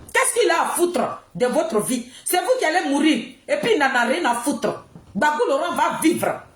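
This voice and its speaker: Ivorian woman, high and very animated, ranting political address, scolding, repetitive for emphasis. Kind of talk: impassioned political monologue addressed to the public. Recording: roomy, echoing sound.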